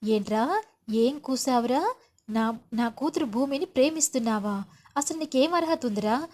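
A woman's voice: sits high, lively intonation, moderate pace, darkish tone. A woman voicing a stern middle-aged father who scolds and demands answers in a serial retelling. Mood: angry.

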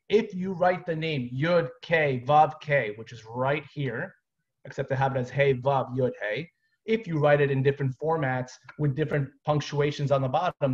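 A man in his thirties teaching a live online Torah class, explaining step by step with casual asides. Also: mid-range voice. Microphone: webcam on a video call. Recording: dull lo-fi video call audio.

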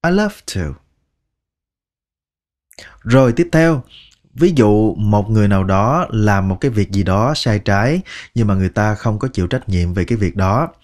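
A man with a Vietnamese accent teaching English phrases, slowly repeating each word one at a time. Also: fairly low pitch, expressive, darkish tone. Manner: slow, patient, repeats words one by one. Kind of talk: language lesson narration.

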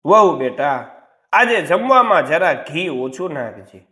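Read by a man, this is a cunning older mother-in-law from a storybook tale, sweet to her son and sharp with the bride. The voice sits fairly high and swings through a lively range. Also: slow pace, exaggerated voice. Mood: sweet-talking. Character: scheming older mother-in-law, sly and scolding.

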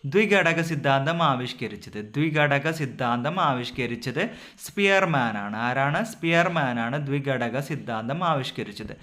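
A male exam tutor runs through his revision points in a steady drill. His voice is bright and forceful. He poses each question and hammers home the answer with repeat after repeat. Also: mid-range voice, normal speed. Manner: asks a question, then repeats the answer several times.

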